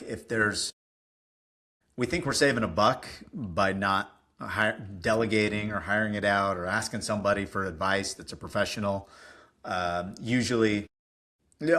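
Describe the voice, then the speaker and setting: A man telling stories as a guest on a business podcast, lively, acting out what people said, with some casual swearing. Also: fairly low pitch. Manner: animated, acts out quoted dialogue, casual swearing. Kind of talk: casual interview storytelling.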